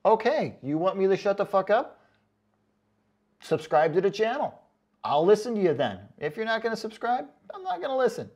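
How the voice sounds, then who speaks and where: With a high-pitched, slightly mellow voice that swings widely in pitch, a male boot review host online reads comments aloud at a moderate pace. It's a casual comedic rant, emphatic, sarcastic and mocking, with plenty of swearing.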